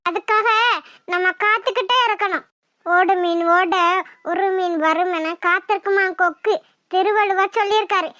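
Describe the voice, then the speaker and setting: A very high, bright, squeaky voice plays a vengeful cartoon mother. She quotes proverbs while plotting. The recording is dry and dull. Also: fairly even intonation, moderate pace, no room sound. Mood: scheming. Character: scheming mother plotting revenge for her daughter.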